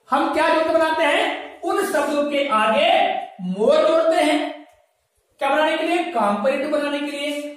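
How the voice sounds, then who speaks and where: Woman teacher, high voice, patient and step-by-step, recorded from a distance in an echoey room. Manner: patient, spells words letter by letter, checks understanding often. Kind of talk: classroom lesson. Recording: echoey room, mic far off.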